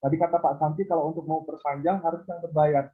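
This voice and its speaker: A man's voice: a little high, flat delivery, fast talker. A man asking a question in an online meeting, his voice breaking up over a bad connection and checking if he is heard. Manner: repeats hello, checks if he is heard. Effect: choppy video call audio. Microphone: video call. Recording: tinny phone-like call line with faint music.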